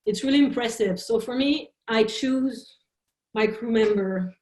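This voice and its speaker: A woman film director, a native French speaker, speaking English in an interview, halting and searching for words. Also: fairly high pitch, a little mellow. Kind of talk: interview talk in a second language. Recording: roomy echo.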